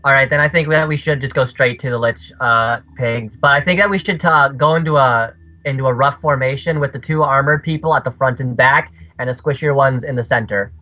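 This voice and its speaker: A man's voice: mid-range voice, bright, forceful tone. A man from Ontario with a Canadian accent, chatting loosely as a player in a tabletop game and swearing now and then. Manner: loose, swears, quick asides. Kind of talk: casual tabletop game chat.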